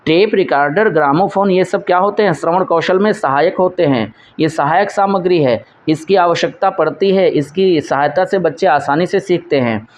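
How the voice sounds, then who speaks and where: High-voiced man teaching quiz answers. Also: normal speed, few pauses. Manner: asks questions and answers them himself, repeats key points. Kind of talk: exam-prep lesson going through quiz questions.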